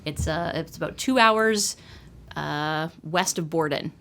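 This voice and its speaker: A woman's voice: low-pitched, takes it slowly, bright, forceful tone. A young woman from Ontario, a podcast guest telling her story in a chatty, hesitant way with many fillers. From Ontario, Canada. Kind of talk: casual interview.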